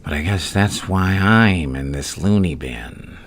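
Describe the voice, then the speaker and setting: An extremely deep, crackling voice for an unhinged clown villain, drawling very slowly in a taunting half-whisper. He speaks straight to the listener in a theatrical ASMR roleplay, gleefully mad and menacing. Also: expressive, heavily acted. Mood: morbidly amused. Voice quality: gravelly, breathy half-whisper. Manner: slow, taunting, theatrical, swinging between murmurs and louder bursts. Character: menacing, gleefully insane adult male supervillain clown.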